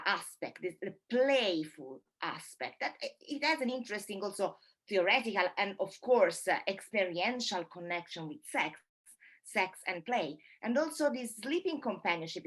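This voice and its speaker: A woman moderating an online panel discussion over a video call, speaking thoughtfully and haltingly with many fillers. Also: mid-range voice, lively intonation, a bit bright.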